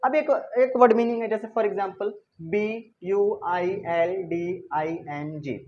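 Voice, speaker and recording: A woman's voice: mid-range voice, slow, dull audio. A woman teaching a classroom lesson who keeps checking with her pupils by asking "isn't it?" and plays with rhetorical questions. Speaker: English teacher.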